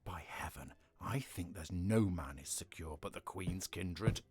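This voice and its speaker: A man's voice: low-pitched, a little slow, a little mellow, husky, no room sound. An actor playing Clarence, a wronged and trusting nobleman, earnest and theatrical in a Shakespearean audio drama. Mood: aggrieved, resigned. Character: wronged, trusting nobleman under arrest, king's brother.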